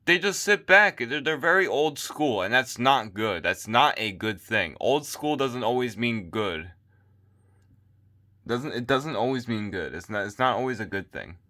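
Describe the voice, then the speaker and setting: A man's voice: mid-range voice, expressive, unhurried, pushed and bright. A man vlogging his sports opinions late at night, tired and losing his voice, rambling and repeating himself into a phone mic. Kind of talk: casual opinion rant.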